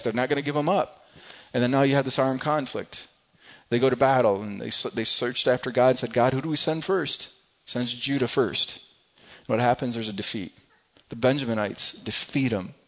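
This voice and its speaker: A man's voice: medium pitch, dull audio. A man preaching a sermon, retelling a scripture story dramatically and voicing the crowd in quotes, with many restarts.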